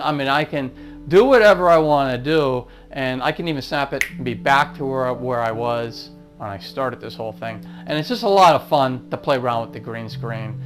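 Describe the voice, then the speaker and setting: A man vlogging casually to the camera in front of a green screen, in an easygoing, rambling way. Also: medium pitch.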